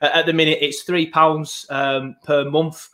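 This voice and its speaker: A British man with a fairly high, slightly bright voice hosts a podcast at an unhurried pace. His delivery is flat, though his casual chat stays rambling and matey.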